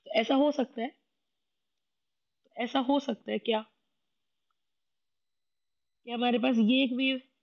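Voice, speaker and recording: A woman's voice: a little high, steady tone, slow pace, long pauses. Hindi-speaking woman teaching chemistry, lo-fi. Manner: explains step by step, often repeats questions. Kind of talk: classroom lecture.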